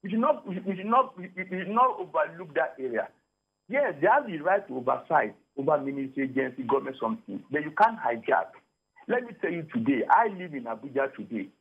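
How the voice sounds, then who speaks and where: A man's voice: a little high, big pitch swings, a little fast, slightly rough. A Nigerian man phoning into a talk radio show as a caller, talking emphatically and often repeating and restarting his phrases. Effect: radio show caller over a phone line. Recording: tinny phone line.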